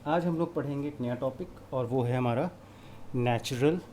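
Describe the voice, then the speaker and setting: A man's voice: mid-range voice, measured pace, mellow. A male chemistry teacher with a mid-range voice talks through a lesson step by step. He keeps putting questions to the class and then answering them himself. A faint hiss of background noise sits under his voice. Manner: explains step by step, asks and answers own questions, mixes in English terms. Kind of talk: classroom lecture.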